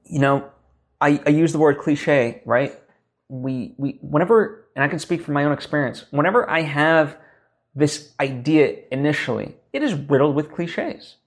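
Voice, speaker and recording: This podcast host is a young man with a fairly high, animated voice at a moderate pace. Offering writing advice as casual teaching, he wanders loosely, restarting often and peppering his talk with fillers.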